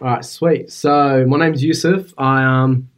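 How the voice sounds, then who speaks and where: A man, talking in a relaxed, easygoing way as a podcast guest in an office. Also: mid-range voice, unhurried. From Iraq, raised in western Sydney. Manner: relaxed, easygoing, some restarts. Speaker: guest bodybuilder and engineer. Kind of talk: casual interview.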